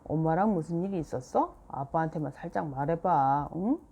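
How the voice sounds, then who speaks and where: A woman reading a children's book aloud and voicing a gentle father who speaks softly and slowly. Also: low-pitched, animated, breathy edge, heavily acted. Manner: soft, slow, soothing.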